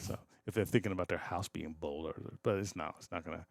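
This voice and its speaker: A man's voice: sits low, steady tone, fast, vocal fry, no room sound. A man co-hosting a podcast in casual chat, rambling and laughing often, trailing off mid-thought. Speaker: podcast co-host.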